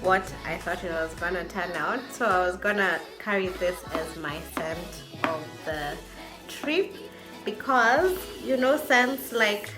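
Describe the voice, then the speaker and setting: Slow-paced, effusive woman vlogger over music. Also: on the low side, lively intonation. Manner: effusive, repeats words for emphasis. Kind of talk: casual chatty product review to camera.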